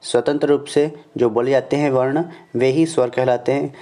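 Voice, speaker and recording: A man with a Chhattisgarh Hindi accent teaching a slide-based grammar lesson, explaining step by step, repeating definitions slowly and saying "okay" after each point. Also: mid-range voice, steady tone, mellow. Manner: explains step by step, often addressing viewers as "friends".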